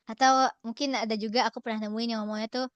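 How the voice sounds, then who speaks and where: A woman's voice: on the high side, fairly even intonation, quick pace, smooth, no room sound, highs cut off. A young woman presenting an online workshop from a relative's home in a casual, cheerful way, often laughing and slipping in English phrases. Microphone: video call.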